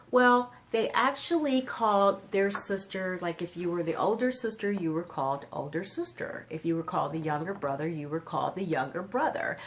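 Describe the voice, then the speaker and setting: A woman in a mid-range voice hosts a children's storytime book review, explaining the books and asking young listeners simple questions. There's slight background noise.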